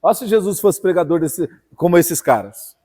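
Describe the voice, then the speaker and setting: Brazilian São Paulo preacher, man, high tenor, swings hushed to loud, long church reverb. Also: lively intonation, moderate pace, breathy edge. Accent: Brazilian Portuguese, São Paulo. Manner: fiery, swings from hushed to loud, keeps calling "irmão". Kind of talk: sermon. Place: church hall.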